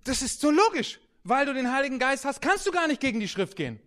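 High-voiced animated preacher. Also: male voice, fast. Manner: animated, swings between soft and loud, storytelling. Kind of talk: sermon with anecdotes.

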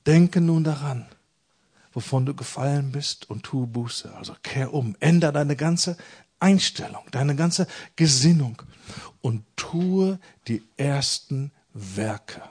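Male preacher, husky and fairly high, dynamic sermon delivery that rises to loud peaks and drops low. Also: slow. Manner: dynamic, swings between loud emphatic peaks and quiet low passages; acts out quoted voices in dialogue.

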